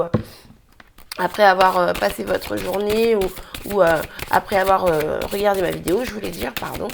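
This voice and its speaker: A woman's voice: mid-range voice, creaky, slight background noise. A young woman, chatting casually through a daily tarot card reading with many hesitations.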